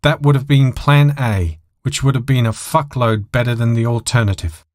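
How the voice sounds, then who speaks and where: A man voicing a hot-tempered, foul-mouthed, frantic male airline pilot in an audio thriller story, exasperated and shouting. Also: medium pitch, animated, unhurried, dry recording, studio quality, pitched above the performer's own voice, lightly acted.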